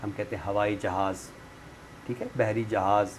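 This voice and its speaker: A male literary expert guest, fairly low in pitch with fairly even intonation, speaks at a normal speed. He explains in a conversational, teacherly way, checking comprehension with frequent tag phrases. The room he's recorded in is clearly noisy.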